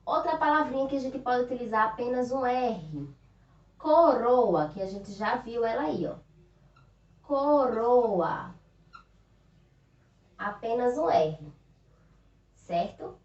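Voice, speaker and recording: Brazilian woman, primary teacher, Northeastern accent, slightly high voice, roomy distant lo-fi recording. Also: animated. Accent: Northeastern Brazilian Portuguese. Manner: slow, patient, stretches out words and sounds for children. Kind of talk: recorded remote lesson for young children. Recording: roomy, distant, dull lo-fi sound.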